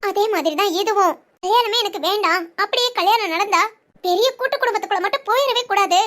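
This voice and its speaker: A performer voicing a bitter, defiant young bride who answers in sharp, curt retorts. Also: extremely high pitch, quick pace.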